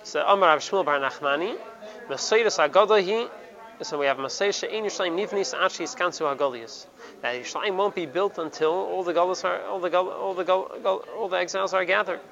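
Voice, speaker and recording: A man talks fast in a high-pitched, fairly bright voice as he teaches a Torah lesson. He stops and repeats words, blends Hebrew into English, and the Talmudic session is captured in dull lo-fi sound with crowd noise behind.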